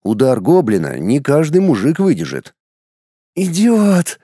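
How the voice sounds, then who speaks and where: A man reading a first-person audiobook with a wry, deadpan delivery. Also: mid-range voice, normal speed, no echo, clean studio sound. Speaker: audiobook narrator.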